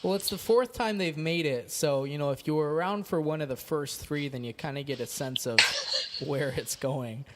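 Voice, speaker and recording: A man guesting on a podcast in casual chat, relaxed and teasing, reading out lists of picks. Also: a little high, moderate pace. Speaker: podcast guest, co-host of another podcast.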